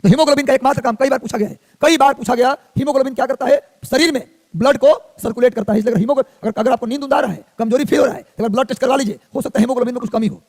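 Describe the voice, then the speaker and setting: A man's voice: very high voice, a little mellow, long reverb tail. A man teaching an exam coaching class, drilling facts by repeating them in a sing-song list. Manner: rapid, repetitive drilling, sing-song listing. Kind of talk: energetic classroom lecture.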